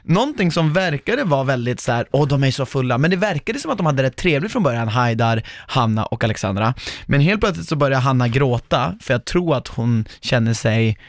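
A young man co-hosting a casual podcast, animated and quick to laugh, acting out what others said. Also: mid-range voice, dry recording, studio quality. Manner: animated, laughs often, acts out quotes. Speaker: podcast co-host. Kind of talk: casual chat recapping a reality show.

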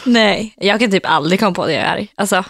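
A woman's voice: medium pitch, vocal fry, a bit bright, slightly rough, no echo, studio quality. A young woman co-hosting a casual podcast, chatty and informal, often laughing at herself. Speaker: podcast co-host.

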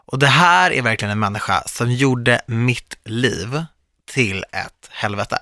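A man in his thirties, hosting a podcast, telling a personal story in a lively way and acting out the people in it. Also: medium pitch, no echo, studio quality. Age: 30s. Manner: animated storytelling, quotes others vividly. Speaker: podcast host. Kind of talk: casual podcast chat.

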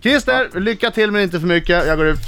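Lively, joking male radio host. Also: high-pitched, faint music behind. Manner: joking, teasing banter. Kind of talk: radio show banter.

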